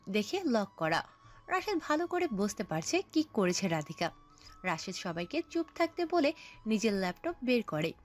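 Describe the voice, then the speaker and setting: A woman narrating a scripted audio story, telling it in an expressive storytelling manner. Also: on the high side.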